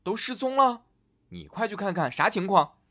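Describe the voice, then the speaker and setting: A man speaks in a high, bright voice that sits above his natural register, swinging widely in pitch at a normal speed. He's performing an impatient old father from a storybook.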